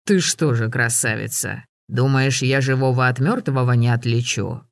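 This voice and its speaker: A man voicing a gruff, sardonic old hunter who barks orders and teases. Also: medium pitch, fairly even intonation, moderate pace, no echo, clean studio sound, close to an everyday voice. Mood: gruff mocking.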